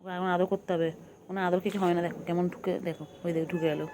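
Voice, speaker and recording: A woman's voice: lowish voice, level tone, rapid-fire, a little mellow, a little hiss or hum. A woman at home talking baby talk to her cat, cooing, repeating pet words and scolding it playfully while filming on a phone. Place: at home, indoors.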